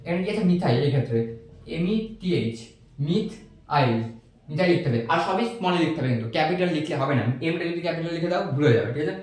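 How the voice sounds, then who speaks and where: A man's voice: on the high side, lively intonation, very fast, a little mellow. A man teaching a recorded chemistry lesson, patiently repeating each step and checking that students follow. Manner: patient, repeats steps and asks checking questions. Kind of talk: recorded online lecture. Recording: echoey room.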